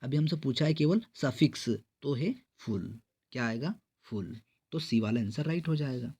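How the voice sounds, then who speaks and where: A man teaches an exam-prep grammar lesson at an ordinary middle pitch. He walks the class through each answer step by step, poses a question and answers it himself. The quiz sentences come out slow and clear. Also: animated, mellow. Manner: explains step by step, asks and answers his own questions; reads English quiz sentences slowly and clearly.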